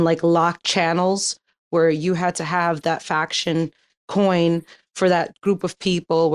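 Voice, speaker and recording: A woman speaking casually as a guest in an online community chat. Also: fairly low pitch.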